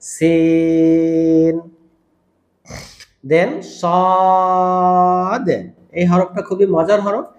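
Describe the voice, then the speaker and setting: A man teaching Quran letters step by step, patiently repeating each sound in a slow, drawn-out way. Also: on the high side, reverberant. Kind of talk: step-by-step recitation lesson.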